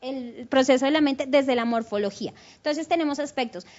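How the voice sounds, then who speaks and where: A woman teacher hosting a bilingual online class, animated and switching languages as she demonstrates intonation. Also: sits high, fairly quick, highs cut off. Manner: animated, switches between Spanish and English, mimics intonation. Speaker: English teacher hosting a teleclass.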